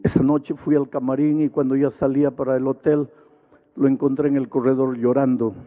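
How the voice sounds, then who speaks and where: A man's voice: mid-range voice, level tone, a little fast, mellow, soft background music. A man preaching an evangelistic sermon in a large arena with impassioned, emphatic repetition. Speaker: pastor.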